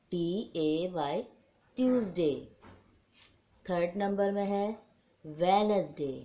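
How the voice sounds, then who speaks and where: A woman tutor giving a slow lesson, repeating each word and spelling it out letter by letter. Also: lowish voice, warm tone. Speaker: home tutor teaching children. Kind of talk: slow dictation-style lesson.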